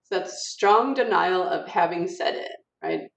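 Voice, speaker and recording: A woman's voice: fairly low pitch, expressive, a little slow. Woman teacher, roomy distant recording. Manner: informal, many fillers, models stressed words aloud. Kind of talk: recorded online lecture. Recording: roomy, distant, dull audio.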